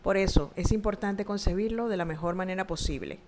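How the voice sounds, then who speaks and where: A woman narrating a scripted, reflective text in a measured, thoughtful way. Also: mid-range voice, background noise. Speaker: narrator reading her own reflective text.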